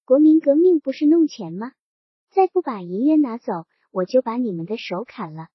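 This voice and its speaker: A woman's voice: high-pitched, expressive, normal speed, slightly rough, no echo. A woman reading the part of a scheming male township chief who needles and threatens, in a dull lo-fi recording. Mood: sly, menacing.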